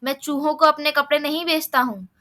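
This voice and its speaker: A woman's voice: high-pitched, fairly even intonation, a little fast, sharp tone. A woman voicing a grumpy male shopkeeper scolding a mouse in a children's storybook tale.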